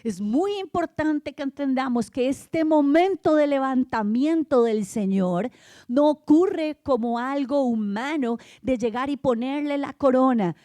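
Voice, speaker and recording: Woman preacher, animated sermon storytelling, fairly high voice, dry close sound. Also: unhurried, no room sound. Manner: animated storytelling, often asking listeners "right?"; acts out voices of the people in the story. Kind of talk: Easter sermon to a congregation.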